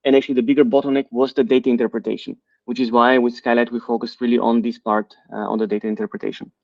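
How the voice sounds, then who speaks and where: Middle-aged man from Bulgaria, CEO, explanatory and measured, dry slightly dull recording. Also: mid-range voice, flat delivery, vocal fry, no room sound. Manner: measured, explanatory, with frequent fillers. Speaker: company CEO and co-founder. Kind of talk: interview answers.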